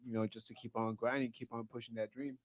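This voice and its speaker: Quick encouraging man, dry close sound. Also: mid-range voice, level tone, no echo. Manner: encouraging, casual. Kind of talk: casual chat.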